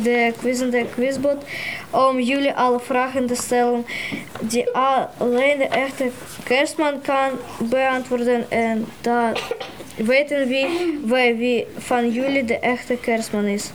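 A young girl reading a story aloud, halting and restarting over words. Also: fairly high pitch, steady tone, a little hiss or hum, low-quality recording. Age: child.

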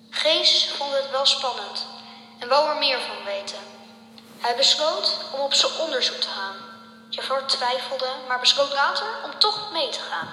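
A woman's voice: sits high, bright, forceful tone. A woman reading a story aloud with care, sometimes stumbling over a word and correcting herself. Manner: careful reading with small slips. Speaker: reader. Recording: echoey hall, faint hum.

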